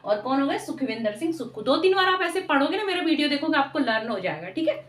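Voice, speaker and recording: A woman's voice: high-pitched, sing-song, fast. A woman teaching an exam-prep lesson, asking questions and answering them herself, repeating key points often. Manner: repeats questions and answers, frequent "theek hai". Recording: echoey room, voice from far off.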